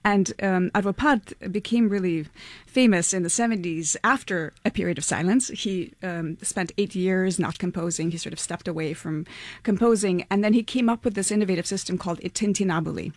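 A woman from Latvia answering interview questions, hesitant with many fillers and soft laughs. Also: fairly low pitch, fairly quick, no echo. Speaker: curator and collaborator.

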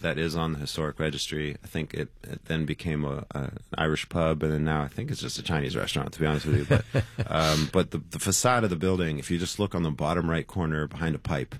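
Man, very low voice, dry close sound, rambling guest in a casual radio interview. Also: quick pace, hardly any pauses, no room sound. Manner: rambling, loose and conversational. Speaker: guest musician.

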